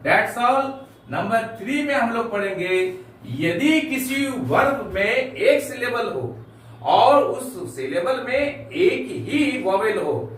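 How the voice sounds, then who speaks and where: A man giving a grammar lesson, explaining rules slowly and spelling words out letter by letter. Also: sits high, fairly bright tone. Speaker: English teacher. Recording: echoey room from far off with faint noise.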